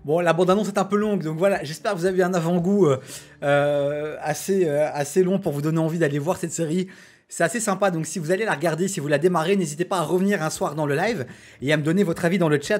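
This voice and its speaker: A man with a French accent hosting a casual live stream, chatty, with many fillers and restarts as he reads out his chat. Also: sits high. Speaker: Twitch streamer host.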